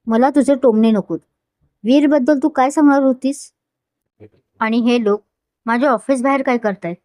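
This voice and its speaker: A woman's voice: sits high, moderate pace, warm tone, dry recording, clean studio sound, close to an everyday voice. A woman voicing a hurt, defiant young woman who speaks emotionally and pleadingly. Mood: sharp.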